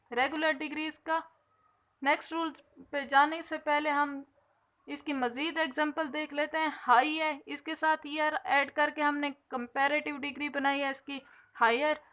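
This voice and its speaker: A woman teaching an English grammar lesson, explaining patiently and slowly stretching out the example words. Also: high voice, a bit bright.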